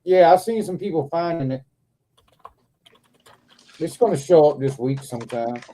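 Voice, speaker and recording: A man with a Southern accent, his voice very dark and mellow, pitched a little high. He chats in a relaxed, jokey way with friends on a live stream. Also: moderate pace, a little hiss or hum. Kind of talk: casual group chat on a live stream.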